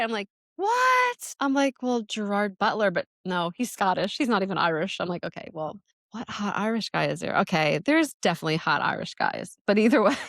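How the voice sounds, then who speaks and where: A woman's voice: on the low side, vocal fry, no room sound, studio quality. A middle-aged woman from New Jersey hosting a podcast, telling a travel story in a chatty way, laughing often and acting out quotes. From New Jersey, USA. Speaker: podcast host. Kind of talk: casual storytelling.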